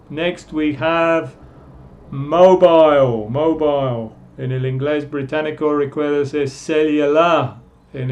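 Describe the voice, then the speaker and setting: Male teacher, slow and patient, repeats sounds, slightly high pitch. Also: a little mellow, lo-fi sound. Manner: drawn-out, repeats sounds slowly. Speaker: English teacher. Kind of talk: slow pronunciation lesson.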